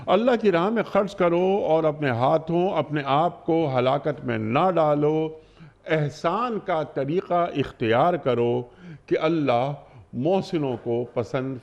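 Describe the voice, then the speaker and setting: A man's voice: medium pitch, creaky, darkish tone. A man from Pakistan hosting a religious TV program in a formal, polite manner, reading out quiz questions and contact numbers. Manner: polite, formal address to guest. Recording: dull lo-fi broadcast audio.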